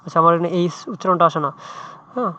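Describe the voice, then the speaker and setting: A man's voice: on the high side, steady tone, very fast, pushed and bright, a little hiss or hum. A man tutoring English in a chatty, informal way, often checking in with "right?". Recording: muffled dry lo-fi mic.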